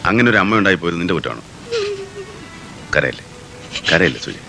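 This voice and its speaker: An actor playing a reformed gangster man now driving a taxi, answering in low, clipped lines. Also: expressive, fast talker, music in the background. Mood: tender. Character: ex-gangster man turned taxi driver, defiant.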